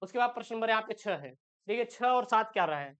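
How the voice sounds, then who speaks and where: A male teacher, giving an exam-prep lesson. He reads set texts aloud slowly and keeps asking questions that he answers himself. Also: high voice, lively intonation, fairly bright tone, clean tone.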